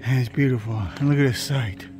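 A man's voice: mid-range voice, brisk. A man vlogging to camera while hiking, talking in a folksy, upbeat way and calling his viewers y'all. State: out of breath. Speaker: hiker vlogging a long trail. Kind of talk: casual trail vlog to camera. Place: outdoors on a mountain trail.

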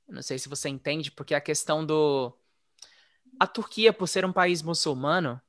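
Man with a slightly high, dry voice. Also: moderate pace, no room sound. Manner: relaxed, chatty, frequent "né?" tags. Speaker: interview guest, former English teacher living abroad. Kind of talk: casual conversational storytelling.

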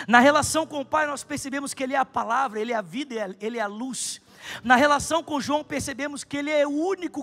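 A man in his thirties preaching a sermon on a large church stage into a handheld mic, swinging from soft asides to loud, fervent shouting. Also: very high-pitched, vocal fry. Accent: Brazilian Portuguese.

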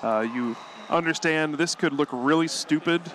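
A male commentator breaks down a card-game match move by move, quick and analytical, with light chuckles. His voice sits a bit higher than most men's. A faint hum of background noise runs underneath. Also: a bit bright. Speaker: tournament commentator. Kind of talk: live play-by-play commentary.

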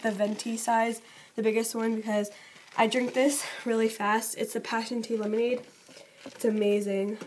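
A woman's voice: fairly high pitch, slight background noise. A young woman vlogging at home, chatting casually about her shopping haul, with lots of "like" and little giggly asides.

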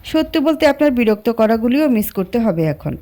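A woman voicing a sharp-tongued young woman who answers back in a sassy way. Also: on the high side, big pitch swings, brisk.

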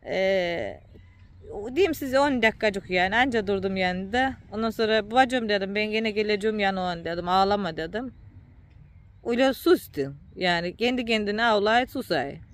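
A woman's voice: mid-range voice, normal speed. A tired woman, chatting casually to her viewers as a vlogger and often calling them dear ones.

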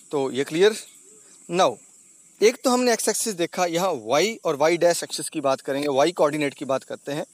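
A man's voice: high-pitched, no echo. A male teacher explaining slides, who asks himself questions and answers them, and mixes in English terms. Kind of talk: slide-based physics lesson voice-over. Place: not on camera, voice over slides.

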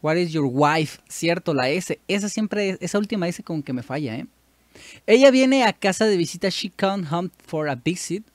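A man's voice: high voice, animated, moderate pace, dry recording. A man with a Mexican Spanish accent giving casual commentary while he practises with a language app, chatty and correcting himself as he goes. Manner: chatty, self-correcting, thinks aloud. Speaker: YouTuber doing language practice.

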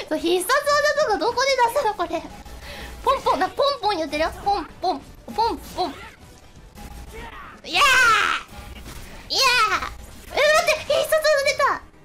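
A woman streaming a fighting game, chatting casually, often laughing and yelping excitedly as she plays, with game music behind her. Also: very high-pitched, normal speed. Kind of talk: casual game livestream chat.

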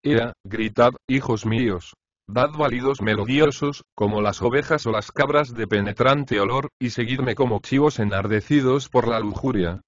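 A man's voice: mid-range voice, normal speed, dry recording, lo-fi sound, lightly acted. A man voicing a brash, mocking male house slave in an audiobook of a comic play. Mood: boisterous. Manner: cheeky, taunting.

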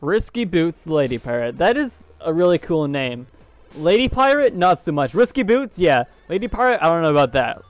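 A man's voice: on the high side, sing-song, normal speed, no echo, soft background music. A man hosting a let's play video, reacting aloud with frequent laughs and exclamations. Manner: jumpy, exclaiming, laughing often. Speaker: host.

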